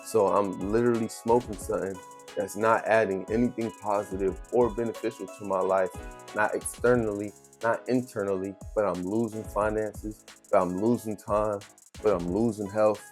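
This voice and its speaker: Soft music plays under this motivational vlog, where a thirtysomething man talks unscripted at normal speed with a low voice and fairly even intonation. He speaks emphatically in street slang, addresses the listener directly, and repeats phrases for emphasis.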